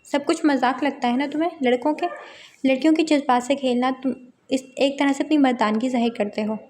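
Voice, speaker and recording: A woman's voice: sits high, fairly even intonation, a little fast, darkish tone, slight background noise, natural voice. A woman reading the part of a stubborn young female student, indignant and defiant, in a romance novel.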